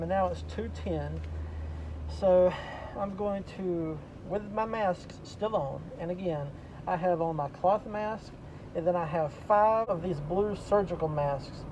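A man with a fairly high voice speaks through several layers of face masks, so his words come out muffled. He talks in a plain, matter-of-fact way, walking the viewer through each step, while vehicle noise hums clearly behind him. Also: warm tone. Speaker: delivery driver vlogger. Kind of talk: casual vlog talk to camera. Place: inside a parked delivery vehicle. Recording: noisy vehicle ambience.

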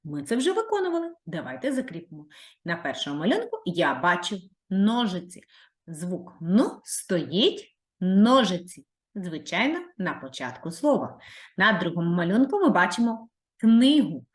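A woman's voice: lowish voice, sing-song, normal speed, roomy sound. A female primary school teacher with a Ukrainian accent giving a video lesson to young children, drawing out sounds in a sing-song, encouraging way.

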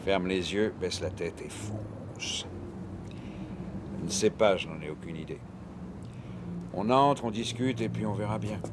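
A man in his fifties playing a gruff, wily police inspector in a dubbed TV crime drama, with a dry, sardonic manner. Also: sits low, a little slow, long pauses. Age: 50s. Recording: noisy TV soundtrack with background ambience.

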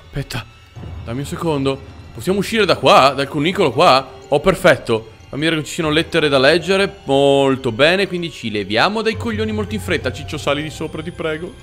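Panicky swearing Italian gaming commentator. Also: male voice, fairly high pitch, animated, a little fast, a bit bright, faint music behind. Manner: swearing, panicky yelps at jumpscares, talks to the character. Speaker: gaming YouTuber. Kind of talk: horror game let's play commentary.

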